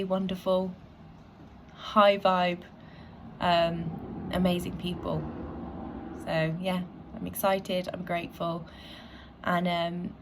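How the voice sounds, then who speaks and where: A woman talking openly in a reflective personal vlog, soft-spoken and pausing often, sometimes dropping to a whisper. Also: fairly low pitch, a little hiss or hum. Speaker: vlogger.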